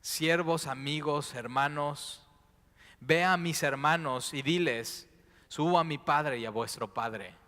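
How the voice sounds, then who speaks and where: A man preaching from the pulpit, his voice bright and forceful. He drops to a hush, then rises to fervent, loud declarations. The sound hangs in a long, reverberant church hall. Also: on the high side, measured pace. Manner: swings between hushed and loud impassioned preaching. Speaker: pastor. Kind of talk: sermon.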